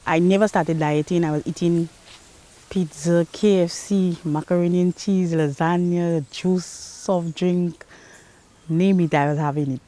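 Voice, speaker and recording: A woman's voice: on the low side, fairly even intonation, measured pace, warm tone. A woman with a Saint Lucian accent giving a plain-spoken, candid personal testimony. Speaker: interviewee, mother and patient. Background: music under the voice.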